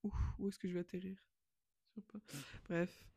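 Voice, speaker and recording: A woman's voice: lowish voice, level tone, moderate pace, warm tone, slightly rough, dry recording. A woman in her twenties talking to camera in a casual, rambling and self-mocking monologue that slips in English phrases. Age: 20s. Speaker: vlogger.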